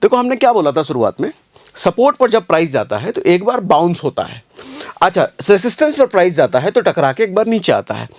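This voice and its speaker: High-voiced man teaching chart trading. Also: big pitch swings, fairly quick, no room sound. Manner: casual, addresses viewers as bhaiya, repeats phrases. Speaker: trading tutor. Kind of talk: screen-recorded trading tutorial.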